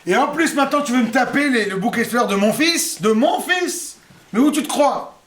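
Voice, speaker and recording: A man's voice: very high voice, lively intonation, normal speed, a bit bright, pitched above the performer's own voice. A man voicing an outraged, jealous woman in a humorous lesson, recorded in a roomy space from a distance. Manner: outraged, scolding, exaggerated. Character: indignant jealous woman, older sister.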